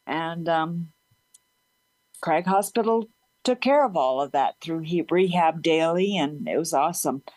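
A woman's voice: deep voice, lively intonation, measured pace, darkish tone, no echo, low-quality recording. A woman speaking as an interview guest in a casual conversational way, open and chatty, with a slight slur and a tendency to laugh. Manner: slight slur in her speech. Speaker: interview guest, support group leader.

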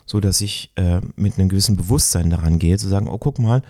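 A middle-aged man talking reflectively in a conversation, searching for words and often pausing with fillers. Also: low voice, mellow, no echo, clean studio sound. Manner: thoughtful, searching, with many fillers.

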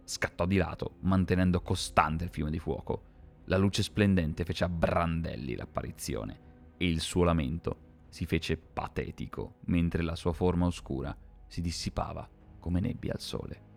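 A man reading a dark fantasy story aloud in a measured, dramatic scripted narration. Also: low-pitched, gravelly.

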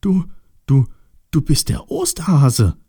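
A man's voice: mid-range voice, big pitch swings, normal speed, creaky, warm tone, dry recording, studio quality, pitched above the performer's own voice. A man doing a timid little Easter piglet. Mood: excited. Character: small shy colorful young piglet, sad and eager. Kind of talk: storybook voice acting.

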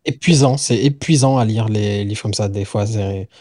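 Mellow, dry-voiced French man chatting. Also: lowish voice, normal speed, dry recording. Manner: rambling, searches for words, swears casually. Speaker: podcast co-host. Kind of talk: casual chat about books.

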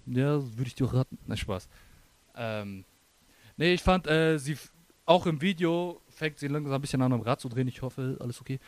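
A man's voice: medium pitch, moderate pace, dry recording. A man chatting casually about music, joking and dropping in English phrases. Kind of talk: casual music review chat.

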